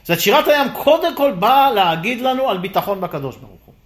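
A man teaching a lively Torah class, firing rhetorical questions and acting out the dialogue. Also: very high voice.

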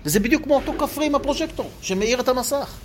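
A man giving an animated Torah lecture, asking rhetorical questions and acting out quoted voices for his listeners. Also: extremely high pitch, a little hiss or hum. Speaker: religious teacher.

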